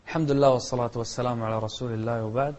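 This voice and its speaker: A man with a Gulf Arabic accent teaching children tajweed, explaining each rule and then chanting the verses slowly and melodically while contrasting right and wrong pronunciation. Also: medium pitch, fairly even intonation, a little mellow. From Kuwait. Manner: corrects mispronunciations by contrast. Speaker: Quran recitation teacher.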